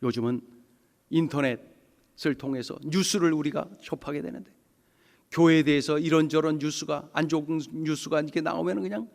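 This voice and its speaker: A man's voice: fairly high pitch, fairly even intonation, normal speed, creaky, darkish tone, in a large hall. A man preaching a Sunday sermon as pastor, emphatic, often putting questions to the congregation. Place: church sanctuary.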